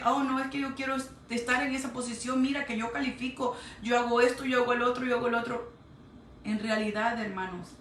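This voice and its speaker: A woman's voice: on the high side, fairly bright tone, slight background noise. A woman pastor preaching a sermon with emphatic, repeated phrases, in a church. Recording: echoey church sound from a distant mic.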